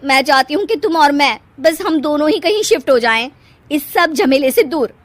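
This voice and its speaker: A woman voicing a spoiled young wife in a cartoon story, shrill and demanding. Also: animated, moderate pace, no room sound.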